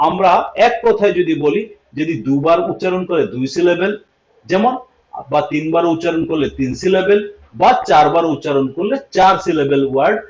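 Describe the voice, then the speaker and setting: Male teacher, livestream lesson: high voice, repeats points and quizzes listeners, in a roomy, lo-fi recording. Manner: repeats points, checks understanding with questions. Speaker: English teacher. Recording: echoey room, dull lo-fi sound.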